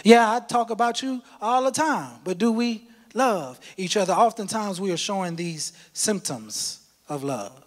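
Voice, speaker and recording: A man preaching a sermon as pastor, impassioned and shifting between shouts and low tones, repeating words for emphasis. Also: lively intonation, a little slow, hardly any pauses. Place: church sanctuary. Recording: long hall reverb.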